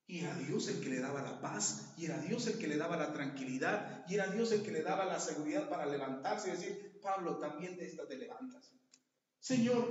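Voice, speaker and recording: A man preaching a sermon, acting out dialogue and rising to loud emphatic peaks. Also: a little high. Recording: far from mic in an echoey hall, dull sound.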